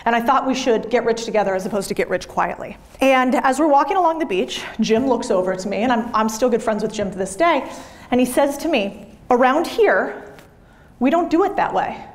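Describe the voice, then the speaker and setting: A woman in her thirties with a fairly high voice speaks on stage to a live audience. She is blunt and emphatic, swears freely and drives home each point in a motivational talk. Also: expressive, fairly quick. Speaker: business speaker. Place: event room with audience.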